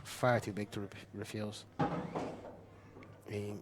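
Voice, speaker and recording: A man's voice: lowish voice, little pitch movement, takes it slowly, heavy background noise. A middle-aged Irish man commentating on a pool match in casual chat, boastful and bantering. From Ireland.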